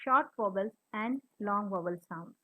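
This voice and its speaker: A woman's voice: mid-range voice, measured pace. A woman teacher explaining short and long vowels, sounding out letters one by one. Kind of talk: phonics lesson. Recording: slightly dull, lo-fi recording.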